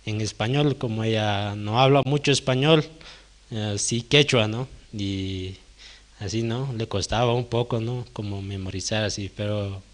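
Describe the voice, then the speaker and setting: A man's voice: on the low side, unhurried. A young man giving a personal testimony at a prayer service, hesitant and tagging nearly every phrase with a question. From Bolivia. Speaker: church member giving testimony.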